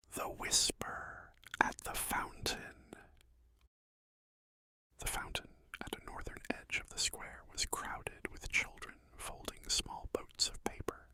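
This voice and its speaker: Very slow whispered bedtime storyteller. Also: poor audio. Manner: slow, hushed, soothing delivery with pauses.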